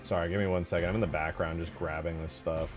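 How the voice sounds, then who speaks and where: Talking fast in a low, steady voice over music, a streamer works on game mods and chats casually. His manner is laid-back, with slang and cursing throughout.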